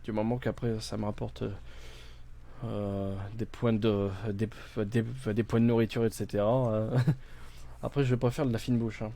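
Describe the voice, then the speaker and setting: A man's voice: lowish voice, little pitch movement, moderate pace, creaky, warm tone, a little hiss or hum. A man playing a video game on stream, thinking aloud with many fillers and restarts, reading game text out and translating it. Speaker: gaming streamer. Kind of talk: casual let's-play commentary.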